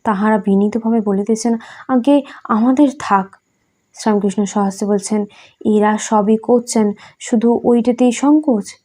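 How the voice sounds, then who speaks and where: A woman giving a measured, reverent devotional reading of scripture. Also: fairly high pitch, fairly even intonation, warm tone. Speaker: scripture reader.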